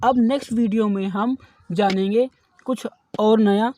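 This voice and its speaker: A male teacher giving a grammar lesson, repeating key terms slowly and checking in often with "okay". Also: high-pitched, fairly even intonation, mellow. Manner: repeats key terms slowly, then explains them in Hindi; frequent checking "ठीक है". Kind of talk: grammar lesson explaining definitions.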